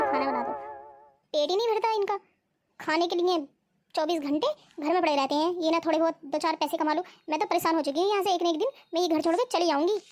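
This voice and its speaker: A whiny, scheming young cartoon wife who grumbles about her poor life, voiced by a woman. The voice sits very high. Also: darkish tone. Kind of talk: cartoon voice acting.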